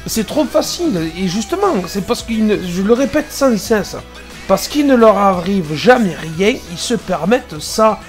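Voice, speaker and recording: A man's voice: high-pitched, animated, unhurried, soft background music. A man, a truck driver, commenting casually and sarcastically on dashcam clips, exasperated at other drivers.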